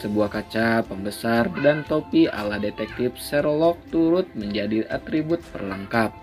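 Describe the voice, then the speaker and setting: A man narrating a romance novel chapter in a steady, measured reading. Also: medium pitch, faint music behind. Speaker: story narrator. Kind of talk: storybook narration.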